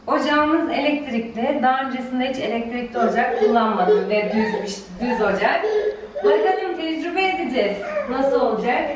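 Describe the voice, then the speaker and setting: A woman vlogger chatting excitedly to viewers as she tours an empty new apartment, her voice ringing with a strong room echo. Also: high voice. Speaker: vlogger and mother. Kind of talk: casual home-tour vlog talking to viewers. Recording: roomy echo from far off, with noise.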